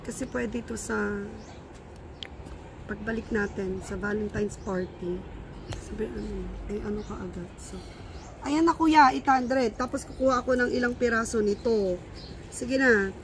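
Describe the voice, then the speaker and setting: A young woman chatting casually and haggling with lively exclamations while shopping outdoors at a sunny beach. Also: a little high, measured pace. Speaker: vlogger and shopper. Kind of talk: casual chat while bargaining. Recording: outdoor beach noise behind.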